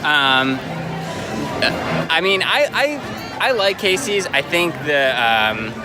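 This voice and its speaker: A man's voice: a little high, very animated, slow pace, rough recording. A man co-hosting a casual, conversational food review, often restarting his sentences as he gives his opinion. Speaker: co-host of a food review show. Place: outdoors in a busy theme park. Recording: busy outdoor crowd, music behind.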